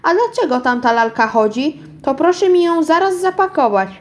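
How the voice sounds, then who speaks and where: A woman's voice: high-pitched, sing-song, moderate pace, voice pushed up. A woman voicing a pushy adult mother in a read-aloud storybook, insistent and raised. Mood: demanding. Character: demanding pushy mother shopping with her daughter.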